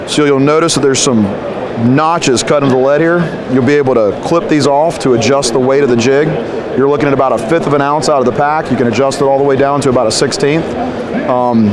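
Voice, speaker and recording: A man in his thirties, a sales manager presenting products at a trade show booth in an upbeat way with frequent ums. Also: mid-range voice. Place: large indoor trade show hall, at a booth. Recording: busy convention floor crowd noise. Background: crowd chatter.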